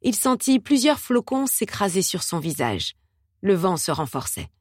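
A woman narrating an audiobook in a measured, steady reading style. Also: mid-range voice, no echo, clean studio sound.

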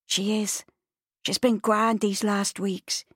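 A woman's voice: medium pitch, level tone, slow, slightly rough, no room sound, clean studio sound, voice pushed up. A woman reading an audiobook, voicing an anxious, polite fourteen-year-old farm girl. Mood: earnest.

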